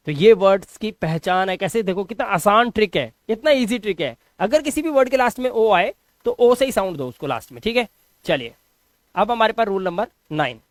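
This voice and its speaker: A man's voice: high-pitched, no room sound. A man teaching English pronunciation rules, asking questions and repeating example words aloud. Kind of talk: classroom explanation.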